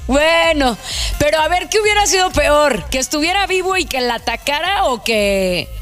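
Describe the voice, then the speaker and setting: Woman, Mexican accent, high pitch, lively intonation, casual radio chat, soft music behind. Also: normal speed. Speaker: radio co-host. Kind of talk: casual banter.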